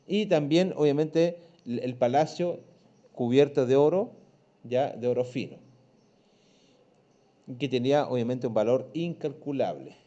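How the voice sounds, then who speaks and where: Chilean male teacher, mellow lo-fi voice. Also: medium pitch, expressive, measured pace, long pauses. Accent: Chilean Spanish. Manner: patient, checks in with frequent "¿ya?" and "¿cierto?". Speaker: primary school teacher. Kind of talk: online class lesson.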